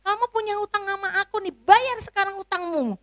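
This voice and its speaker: A woman's voice: sits high, fairly even intonation, moderate pace, dark tone, no echo, studio quality, pitched above the performer's own voice, natural voice. A woman voicing a frightened male servant who begs his master for more time. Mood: demanding. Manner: pleading and whimpering, later harsh. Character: frightened indebted servant, later a bully.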